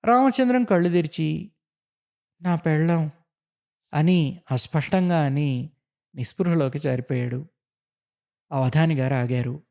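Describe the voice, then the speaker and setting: A man's voice: a little high, a little slow, creaky, long pauses, dark tone. A man reading a short story aloud, voicing the characters' lines himself in a dramatic way. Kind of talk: scripted narration of a short story.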